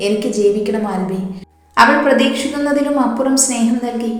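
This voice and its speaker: A woman's voice: a little high, moderate pace, close to an everyday voice. A woman voicing an emotional, earnest young man confined to bed. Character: bedridden young man, tearful and hopeful. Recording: heavy echo, long reverb.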